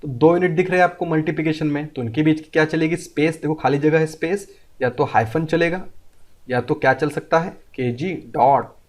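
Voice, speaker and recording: Guy teaching physics, kinda high voice, keeps repeating stuff and asking the kids questions. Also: normal speed. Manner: repetitive drilling, quizzing students with questions. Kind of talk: online classroom lesson. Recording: audio briefly disturbed, distant.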